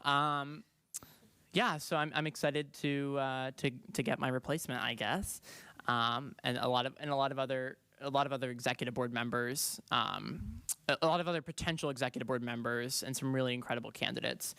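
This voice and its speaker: A young man gives his committee report at a school board meeting in a loose, halting way, full of ums and restarts. His voice is bright and smooth. The sound is close and dry. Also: medium pitch, steady tone, no echo. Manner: casual, halting with many fillers. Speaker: student board trustee.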